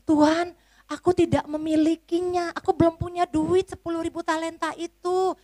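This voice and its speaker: A woman's voice: high-pitched, fairly even intonation, moderate pace, mellow, no room sound, studio quality, voice pushed up, close to an everyday voice. A woman voicing a frightened male servant who begs his master for more time. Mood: pleading. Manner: pleading and whimpering, later harsh. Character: frightened indebted servant, later a bully.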